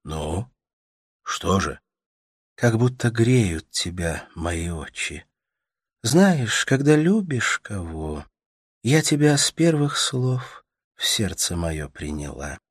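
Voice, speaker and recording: A man's voice: fairly low pitch, sing-song, takes it slowly, slightly rough, no room sound, clean studio sound, voice pushed up, full character voice. A man voicing a tender, caring young woman. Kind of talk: audiobook character voice.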